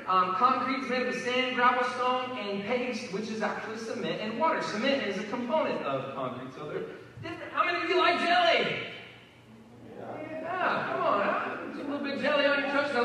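Folksy pastor in an echoey church. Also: male voice, high voice, bright, forceful tone. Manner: folksy, joking, talks to the congregation. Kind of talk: sermon. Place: church hall. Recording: echoey hall, mic at a distance.

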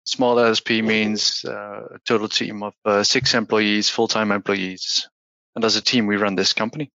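Male CEO on a panel, bright voice, brisk, dry lo-fi video call audio. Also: on the low side, steady tone, creaky, no echo. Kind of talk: panel discussion. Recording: dry, dull lo-fi sound.

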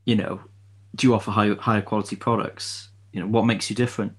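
Low-voiced man chatting with many restarts. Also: level tone, fast talker, husky. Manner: hesitant, many restarts and fillers. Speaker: podcast co-host. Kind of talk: casual chat.

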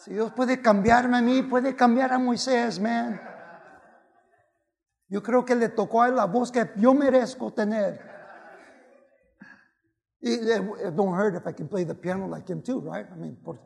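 Gravelly high-voiced preacher, slow delivery. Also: male voice. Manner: switches between Spanish and English, exclaims and shouts at peaks. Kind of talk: bilingual sermon to youth.

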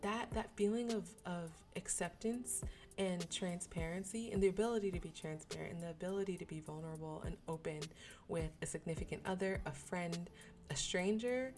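A woman's voice: on the low side, darkish tone. A woman hosting her own podcast, talking earnestly and casually with slang and frequent restarts. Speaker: podcast host. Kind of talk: candid solo podcast talk.

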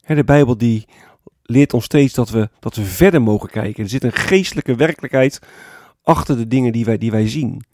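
A man preaching a sermon as pastor, explaining calmly and often adding a tag word to his points. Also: mid-range voice, a little fast, noisy background. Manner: calm explanatory preaching with frequent "hè" tags.

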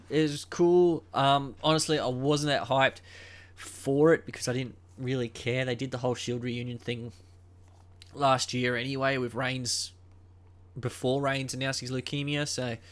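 A young man hosting a solo podcast in a casual, rambling way, full of ums and uhs and a flat, unimpressed tone. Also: medium pitch, unhurried, clear, resonant tone. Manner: unenthusiastic, dismissive. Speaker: podcast host.

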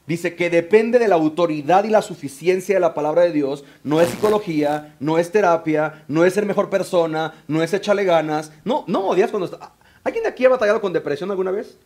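A man with a Mexican Spanish accent preaching a sermon in church, animated and joking as he acts out voices. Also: high voice, brisk, hardly any pauses. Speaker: pastor and biblical counselor. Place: church before a congregation.

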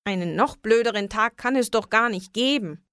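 A woman voicing a kind, childlike female witch in a children's story, speaking in a higher, plaintive and excited way. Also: measured pace, gravelly, no echo, clean studio sound, heavily acted. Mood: glum.

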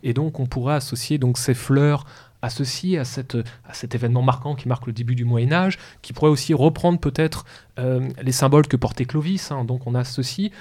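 A man's voice: mid-range voice, fairly quick, darkish tone. A man on a radio talk show explaining history in a hesitant way, with many fillers and restarts. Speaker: history guest explaining heraldry. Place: radio studio.

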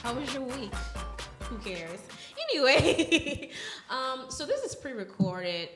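A woman's voice: high voice, very animated, slow, reverberant, over music. A woman hosting a podcast, chatting casually in a wry, joking way. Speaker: podcast host. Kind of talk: casual chat.

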